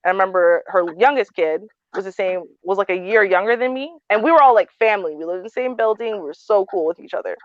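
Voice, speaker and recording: A woman's voice: medium pitch, quick pace, few pauses, dry recording. A woman talks bluntly and frankly in a casual panel discussion, scattering fillers as she goes. The recording is dry and dull, with little room sound and a muffled top end. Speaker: panel host.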